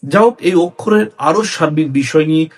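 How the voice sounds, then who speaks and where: A Bangladeshi Bengali-accented man teaching a lesson on syllables in a clear, measured way, with lively rises and falls in his voice. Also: on the high side. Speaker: speech and debate instructor.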